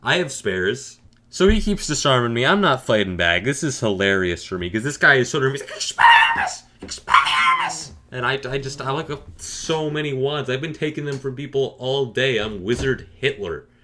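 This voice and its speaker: A man telling a comic story as a YouTuber, animated, with dry sarcastic asides. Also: medium pitch, normal speed. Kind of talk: comedic storytelling.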